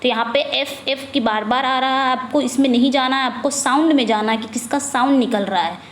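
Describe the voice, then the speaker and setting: A woman with an Indian accent teaching an exam-prep English lesson. She asks her own questions and answers them, reads questions slowly and drops low on each answer. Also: reverberant, slight background noise.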